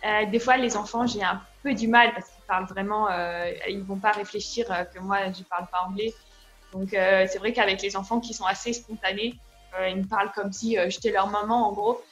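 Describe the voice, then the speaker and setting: A woman's voice: medium pitch, a little fast, poor audio. Young woman chatting casually, faint music. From France. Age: young adult. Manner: relaxed, hesitant, many fillers. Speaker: guest, au pair. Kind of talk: casual interview.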